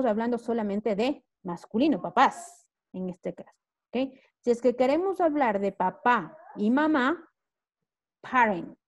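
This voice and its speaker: A Spanish-accented woman teaching English over a video call, speaking slowly and deliberately. Her voice sits a little high, and she moves between the two languages, checking understanding as she goes. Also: poor audio. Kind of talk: online class teaching.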